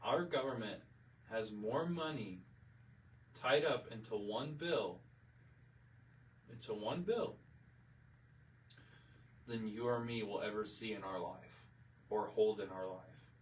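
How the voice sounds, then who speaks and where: A man's voice: on the low side, slow, long pauses, recorded from a distance, slight background noise, low-quality recording. A man hosting a livestream, delivering a heated, emotional rant, repeating himself and swearing. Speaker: livestream host. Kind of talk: impassioned political livestream rant.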